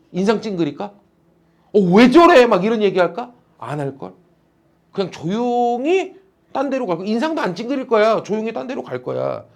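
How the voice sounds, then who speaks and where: A male teacher lecturing a class in a lively, teasing way, often calling on students by name. His voice sits high for a man. It swings widely in pitch as he talks.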